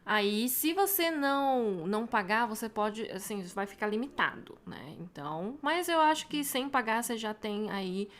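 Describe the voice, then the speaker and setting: A woman with a Brazilian Portuguese accent, a Mandarin teacher walking viewers through a website in a chatty tutorial, tagging her sentences with quick questions. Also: a little high, animated, fairly bright tone. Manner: chatty, frequent tag questions. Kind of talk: casual screen-share tutorial.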